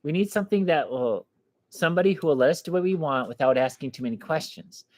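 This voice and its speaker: A man reading aloud, voicing an anxious, determined teenage girl who is an older sister, speaking in a hushed, urgent way in a storybook reading. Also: on the high side, lively intonation, quick pace, no room sound, voice pushed up, close to an everyday voice.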